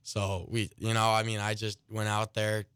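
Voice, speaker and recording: A teenage boy, a high school pitcher, rambling casually through a story with lots of "like" and "I mean" in a radio studio interview. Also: monotone, moderate pace, fairly bright tone, clean tone, no room sound. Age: late teens. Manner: rambling, many "like" and "I mean" fillers.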